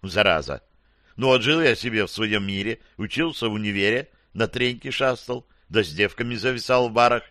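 A man's voice: mid-range voice, fairly quick, few pauses, pushed and bright, no echo, clean studio sound. A man reading a fantasy audiobook in the first person, with a wry, slangy storytelling manner. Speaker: audiobook narrator.

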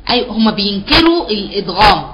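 A woman's voice: medium pitch, big pitch swings, fast, a crowd in the background, rough recording. A woman with an Egyptian accent teaching a live online Quran recitation class, patiently explaining and repeating key terms back as questions. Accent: Egyptian Arabic.

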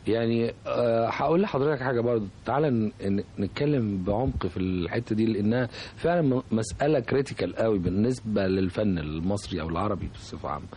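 A man with an Egyptian accent, a composer being interviewed on radio, talking reflectively and pausing often to find his words. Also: on the low side, darkish tone, slight background noise. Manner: reflective, hesitant, searching for words. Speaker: composer, guest.

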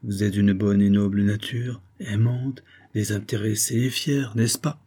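A man's voice: lowish voice, fairly even intonation, measured pace, mellow. A man reading the part of a scheming, aging viscount in a suave, coaxing manner. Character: scheming aging male viscount, smooth and cunning.

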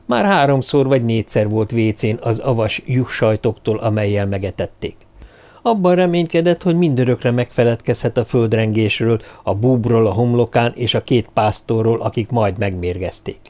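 Brief: male audiobook narrator, wry and dry, animated intonation, mid pitch. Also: gravelly. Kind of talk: scripted narration.

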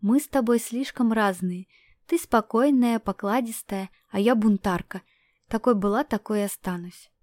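A woman's voice: on the high side, moderate pace, darkish tone, no echo, lightly acted. A woman doing a bold rebel girl. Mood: teasing.

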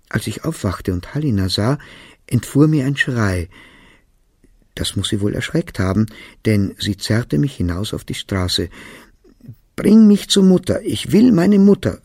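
A man reading a literary novel aloud in the first person, with a calm, deliberate, intimate delivery. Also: lowish voice, creaky, breathy edge, no room sound, studio quality. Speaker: audiobook reader. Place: recording studio.

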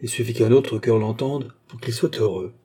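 A man's voice: medium pitch, fairly even intonation, moderate pace, dark tone, husky, close to an everyday voice. A man reading the part of an aristocratic churchman who speaks fervently and hesitantly. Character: ardent, bewildered aristocratic churchman, middle-aged.

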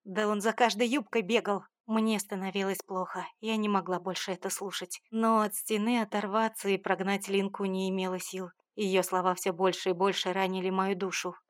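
A woman narrating a first-person audiobook in a steady, measured, dramatic reading. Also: medium pitch, no room sound, studio quality.

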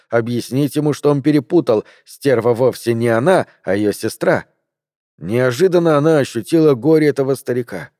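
A man reading an audiobook in a steady, measured narration. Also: mid-range voice, dry recording, studio quality. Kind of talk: scripted narration.

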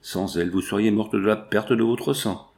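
A man voicing a calm country doctor reassuring his patient. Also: on the low side, moderate pace, vocal fry.

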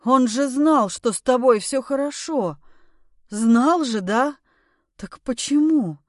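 A frantic middle-aged husband, as a woman reader plays him, loud and agitated, pleading one moment and bossing the next. His voice sits a little high and comes across dry and close, with no room around it. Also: lively intonation, slow, no room sound, exaggerated voice.

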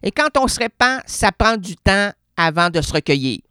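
A man's voice: high-pitched, very animated, normal speed, sharp tone, clear, resonant tone, dry recording. A man with a Québécois accent, a radio columnist delivering a rambling, theatrical, absurdist comedic monologue in a studio. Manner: theatrical, rambling, playful wordplay.

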